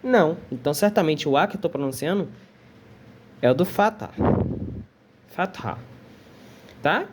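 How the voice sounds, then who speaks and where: Slow, patient woman teaching Arabic. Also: low-pitched, expressive, heavy background noise. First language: Portuguese. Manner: patient, repeats words slowly, checks in with "tá?". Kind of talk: relaxed online language lesson.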